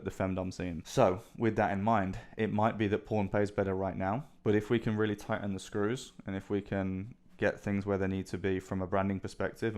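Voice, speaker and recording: A man giving a persuasive, business-like sales pitch over the phone, often checking that the listener agrees. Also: darkish tone. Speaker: agency sales caller.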